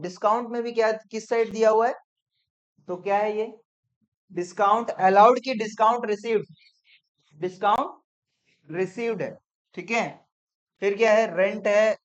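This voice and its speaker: In a dull, lo-fi classroom recording, a commerce teacher with a high voice explains accounts at a quick clip, coaxing his students along and frequently checking their understanding with "theek hai?"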